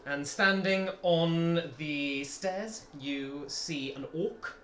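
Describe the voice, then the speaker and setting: A man acting as game master, improvising tabletop game narration in a halting way, rephrasing as he goes. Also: on the high side, fairly bright tone. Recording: roomy echo, faint noise.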